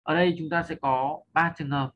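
Patient man teaching pronunciation, higher voice. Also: fairly even intonation, fairly quick, fairly bright tone, lo-fi sound, slight background noise. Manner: patient, checks in often with rhetorical questions; draws out and lifts model sounds for learners. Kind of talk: spoken lesson explaining over slides.

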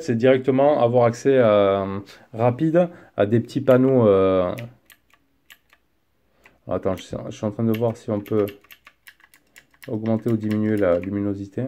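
A man casually reviewing a gadget as he unboxes it, chatty and relaxed, with frequent fillers. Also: on the low side, a little hiss or hum. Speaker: tech reviewer. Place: indoor desk setup.

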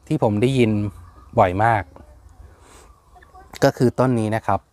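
Slow, hesitant man explaining plant names. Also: on the low side, a little mellow, dry recording. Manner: unhurried, hesitant with fillers, spells words out letter by letter. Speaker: plant channel host. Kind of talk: casual explainer vlog.

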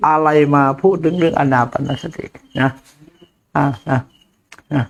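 A man's voice: fairly high pitch, unhurried, gravelly, lo-fi sound. An older man, a Buddhist monk, giving a blunt, earthy dharma talk to a follower, laughing often. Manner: blunt, crude familiar speech, frequent laughter.

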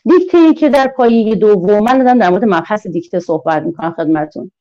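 Lady teacher trainer, slow singsongy delivery, slightly dull lo-fi online audio. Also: mid-range voice, expressive, mellow. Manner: slow, sing-song, drawn-out teaching delivery.

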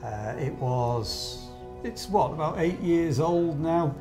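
A man's voice: on the high side, animated, slow pace, music in the background. A man, a church leader, speaking earnestly in a documentary interview.

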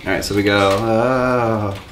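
A tipsy man chats his way through a cooking demonstration in a medium-pitched voice. He rambles and swears freely. Clear kitchen noise and clatter sit around him. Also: a little fast, fairly bright tone. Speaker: cooking video host. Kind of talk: casual cooking demonstration chat. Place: home kitchen, indoors. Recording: noisy kitchen with dish clatter.

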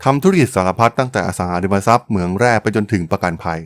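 A man's voice: fairly low pitch, quick pace, no echo. A man hosting a podcast, telling a business history story in a polite, chatty way with frequent exclamations. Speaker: podcast host.

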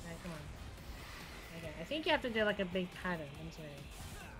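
A woman hosting a let's play, giving excitable gameplay commentary with frustrated outbursts and laughter. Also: on the low side, fairly quick. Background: faint game music.

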